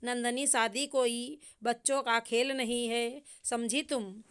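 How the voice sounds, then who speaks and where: A woman voicing a firm, caring middle-aged mother who reasons calmly. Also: fairly high pitch, takes it slowly, smooth.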